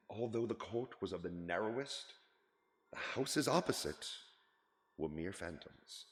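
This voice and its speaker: A man doing a cold read of a classic story as narrator, with dramatic, expressive storytelling. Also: sits low. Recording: echoey room with long reverb.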